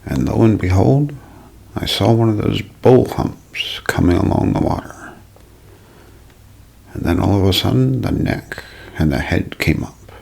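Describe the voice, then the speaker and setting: Speaking with lively intonation and a darkish tone, a man with a lowish voice gives a scripted, dramatic ASMR mystery narration. His delivery is gravelly and husky, often sinking toward a whisper, with deliberate storyteller phrasing.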